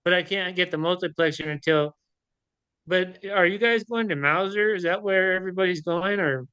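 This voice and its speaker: A man's voice: high-pitched, moderate pace, bright, forceful tone, clean tone, dry recording, muffled recording. A man taking part in a hobby meetup call, talking casually, rambling and stammering with many repeated words. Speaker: meetup participant. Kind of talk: casual chat on a group call.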